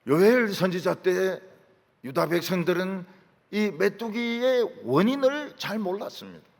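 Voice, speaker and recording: A man's voice: sits high, expressive, unhurried, vocal fry, long reverb tail. A man preaching a sermon in a large church sanctuary, emphatic, often dropping in short affirmations and rhetorical questions. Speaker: pastor.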